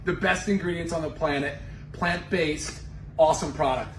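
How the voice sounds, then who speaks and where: A man's voice: fairly high pitch, moderate pace. A man casually promoting products as their formulator, upbeat and emphatic in his praise. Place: indoor warehouse. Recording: echoey, noisy room, distant mic.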